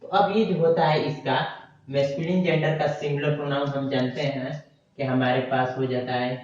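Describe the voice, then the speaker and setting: Man, grammar teacher, slow and repetitive, dull distant recording, roomy echo. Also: mid-range voice, fairly even intonation, a little mellow. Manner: slow, repeats terms while writing on a board. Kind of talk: grammar lesson. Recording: dull echoey room, mic far off.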